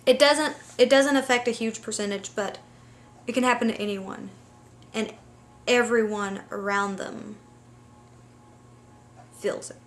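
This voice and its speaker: Higher-voiced woman vlogger talking casually. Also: fairly even intonation, unhurried, pauses often. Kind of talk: casual talk to camera.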